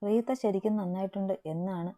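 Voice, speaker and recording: A woman narrating a romance story in a steady, matter-of-fact reading. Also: medium pitch, brisk.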